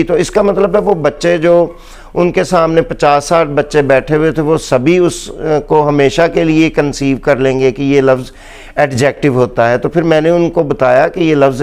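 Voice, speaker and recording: Man, Pakistani accent, pronunciation lesson, smooth clear voice, slightly high pitch, repeats words. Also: darkish tone. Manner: slow, deliberate, repeating words for emphasis. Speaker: English teacher.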